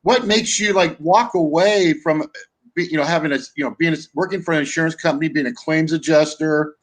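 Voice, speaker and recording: A man's voice: a little high, fairly quick, rough recording. A man in casual chat who rambles, restarts and repeats his words. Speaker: veteran discussion guest.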